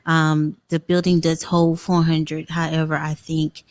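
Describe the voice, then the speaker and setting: Female guest, lowish voice, sincere, hesitant with plenty of fillers. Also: flat delivery. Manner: faith-filled, halting, many ums. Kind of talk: casual interview chat.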